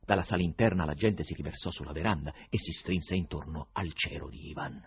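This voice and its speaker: A man reading a novel aloud as an audiobook, with a husky voice and expressive delivery. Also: low voice, brisk. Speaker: reader. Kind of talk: audiobook narration.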